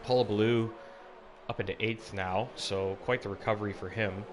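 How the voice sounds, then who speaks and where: Leading the commentary on an online sim race, a man with a fairly low pitch and fairly even intonation speaks casually at normal speed. Background noise runs under the live call.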